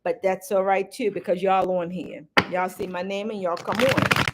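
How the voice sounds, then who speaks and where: A woman's voice: medium pitch, little pitch movement, normal speed, heavy background noise. A woman hosting her own live stream, chatting casually and rambling as she talks straight to her viewers. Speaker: livestream host.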